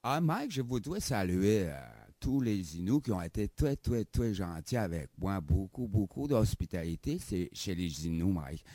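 In this heavily acted comedy interview sketch, a man portrays a silly African visitor to Canada who brags playfully and giggles, repeatedly calling the host by name and tacking filler tags onto phrases. His low, dark voice is sing-song, at a measured pace with few pauses, and there's no room sound.

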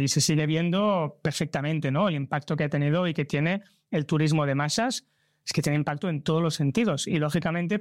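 A man's voice: fairly high pitch, no echo, studio quality. A man from Barcelona with a Spanish accent, a travel creator earnestly answering interview questions about travel. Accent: Spain. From Barcelona, Spain. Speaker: travel content creator and trip organizer.

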